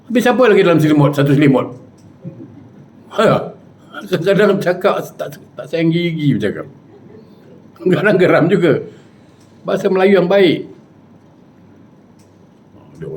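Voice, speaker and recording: A man's voice: a little high, slight background noise. Jokey male preacher. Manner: animated, jokey, chuckling. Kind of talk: humorous storytelling sermon.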